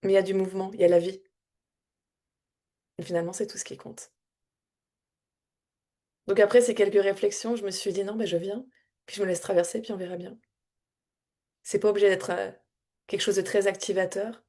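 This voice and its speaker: Woman, spiritual coach, mid-pitched, rambling and heartfelt, lots of restarts and little laughs. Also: fairly even intonation, fairly quick, long pauses. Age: adult with a child. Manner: meandering, warm-hearted and emotional, often laughing and repeating words. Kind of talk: casual spontaneous reflective talk.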